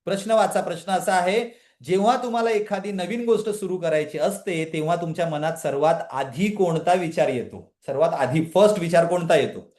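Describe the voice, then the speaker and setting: A man's voice: high voice, moderate pace, echoey room. A man leading a live online motivational session, questioning his listeners and prompting them to answer in the chat. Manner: energetic motivational talk, questioning the audience, often addressing a live chat. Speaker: trainer leading a women's empowerment session.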